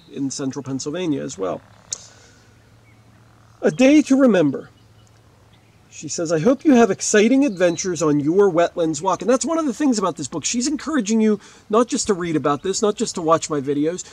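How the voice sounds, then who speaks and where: A high-pitched, gravelly man in his forties, a fourth-grade teacher, reads aloud to young children outdoors by a wetland lake, a few steps from the camera. His delivery is expressive and explanatory, full of asides, with no room sound.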